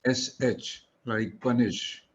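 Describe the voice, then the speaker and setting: A man's voice: medium pitch, steady tone, takes it slowly, muffled recording, slight background noise. A man teaching English pronunciation one-on-one, patiently spelling words out letter by letter. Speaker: English tutor.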